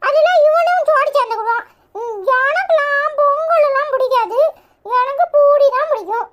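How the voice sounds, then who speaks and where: A woman's voice: very high voice, normal speed, a bit bright, muffled recording. A woman voicing a cheeky, food-loving young child in a cartoon, with a Kanyakumari Tamil accent. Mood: chatty. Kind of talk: cartoon voice acting.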